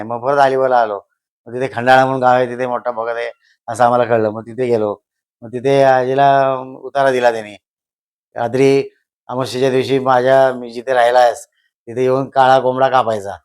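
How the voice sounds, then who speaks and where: Older man, smooth even voice, slow storyteller who repeats himself. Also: medium pitch. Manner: slow, repeats phrases for emphasis. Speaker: guest, host's father. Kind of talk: casual storytelling.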